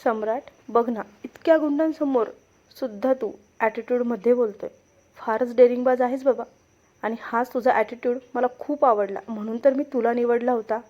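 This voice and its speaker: A woman's voice: on the high side, fairly even intonation, normal speed, lo-fi sound, close to an everyday voice. A woman voicing a scheming female villain who taunts and laughs at her captives. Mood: taunting.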